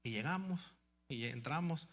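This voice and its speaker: A male pastor telling a story in a sermon, swinging between hushed passages and loud, emphatic ones. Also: mid-range voice, animated, unhurried.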